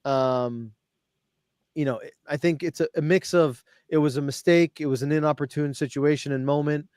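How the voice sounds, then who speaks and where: A man's voice: fairly high pitch, moderate pace, clear, resonant tone, no room sound. A man hosts a casual football talk show in an easy, chatty way. He retells what others said at length, with a dry, close sound and no room around him. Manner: animated, quotes others at length. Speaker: podcast host. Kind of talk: casual football podcast chat.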